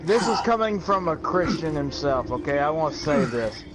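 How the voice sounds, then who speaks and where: A man's voice: on the high side, lively intonation, normal speed. A man chatting casually and telling stories in an emphatic, sweary way. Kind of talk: casual chat, telling anecdotes. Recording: music behind the voice. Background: music.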